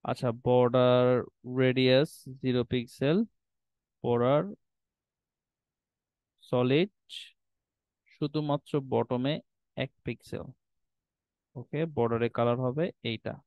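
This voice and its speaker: Here the male instructor speaks slowly, with long pauses, in a clear, resonant mid-range voice and fairly even intonation. He walks students through on-screen website design settings, blending in English terms and frequently asking "ঠিক আছে?". The audio is narrow and tinny, with no room sound.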